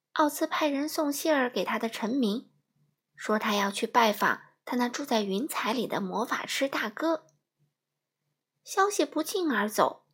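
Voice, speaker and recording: A mother reading a storybook aloud to children in a gentle, storytelling manner. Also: fairly high pitch, husky.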